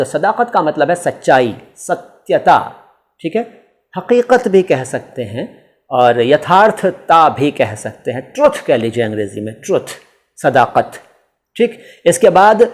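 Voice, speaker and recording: A man from India hosts a relaxed question-and-answer lesson, explaining words to his viewers. His delivery is chatty and teacherly, with playful self-quizzing asides, and his voice sits at a middle pitch for a man. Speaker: language channel host answering viewer questions. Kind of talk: casual Q&A explainer.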